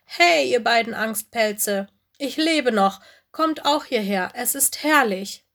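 A woman doing Lola, a bold excitable young critter. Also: mid-range voice, unhurried. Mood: excited. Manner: lively, daring. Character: bold curious young female forest animal.

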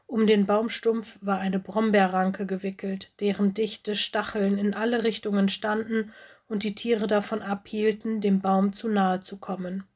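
A woman narrates a children's audiobook, calm and gentle. Her voice is slightly husky and her pace unhurried. She tells the story steadily. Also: medium pitch.

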